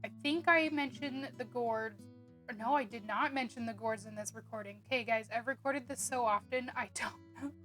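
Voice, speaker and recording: A woman's voice: fairly high pitch, normal speed, a bit bright, soft background music. A woman narrating a casual homemaking vlog, chatty and rambling with frequent ums and little laughs. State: hiccuping. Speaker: homemaking vlogger.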